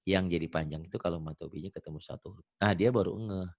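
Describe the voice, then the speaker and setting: A middle-aged man with a low, slightly mellow voice teaches Quran reading in an online lesson, with no echo on the recording. He explains patiently in a chatty way and chants the recited verses slowly.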